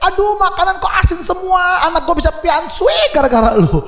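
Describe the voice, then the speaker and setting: A male preacher voicing his scolding older mother, who complains loudly about salty food. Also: sing-song, brisk, roomy sound, exaggerated voice. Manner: shrill, exclaiming complaint. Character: scolding older mother-in-law, sharp-tongued.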